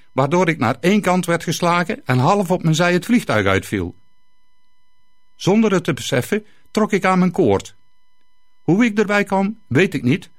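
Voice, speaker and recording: A man tells a first-person story in a lively, vivid narrating voice, pitched slightly high. His tone moves a lot from line to line. The sound is close and dry, with no room echo.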